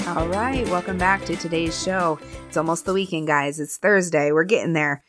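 A woman's voice: fairly low pitch, moderate pace, over music. A woman hosting her business podcast in an upbeat, chatty way, sometimes getting emotional. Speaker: podcast host. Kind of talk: casual podcast talk.

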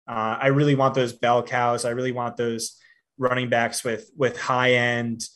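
A man's voice: mid-range voice, monotone, a little slow, fairly bright tone. A man giving fantasy football analysis in a casual podcast chat, with many fillers and restarts but firm opinions. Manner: frequent fillers and repeated starts, confident opinions.

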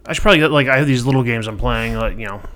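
A man in his thirties rattles along quickly in a gaming podcast chat, rambling through fillers and breaking into laughter often. His voice sits at an ordinary middle pitch. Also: a bit bright. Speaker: podcast co-host. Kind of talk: casual chat.

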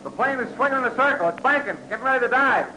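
A brash American adventurer in 1940s radio style, with a high, bright, forceful voice. He is punchy and commanding, and the old broadcast recording has audible noise. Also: expressive, rapid-fire, full character voice. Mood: urgent, commanding. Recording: noisy vintage radio drama recording.

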